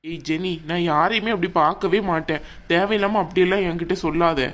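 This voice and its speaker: A woman's voice: on the low side, fairly quick, natural voice. A woman voicing a kind, earnest young male college student in a cartoon, reassuring and sincere. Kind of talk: cartoon dub acting.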